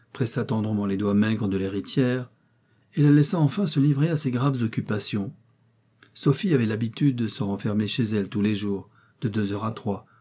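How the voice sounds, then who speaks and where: A man reading a classic novel aloud as an audiobook narrator, in a measured storytelling manner. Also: lowish voice, warm tone, slightly rough. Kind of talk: scripted narration.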